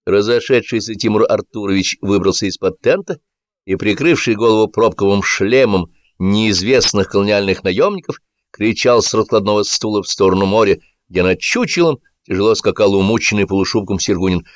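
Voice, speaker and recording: A man reading a satirical story aloud as an audiobook, with lively, expressive storytelling. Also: on the low side, a little fast, no echo. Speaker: audiobook reader. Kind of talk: scripted narration of a satirical story.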